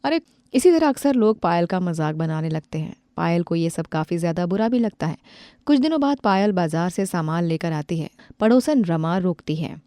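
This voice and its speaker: A woman narrating a moral storybook in a plain, steady way. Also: fairly low pitch, moderate pace, no room sound, studio quality.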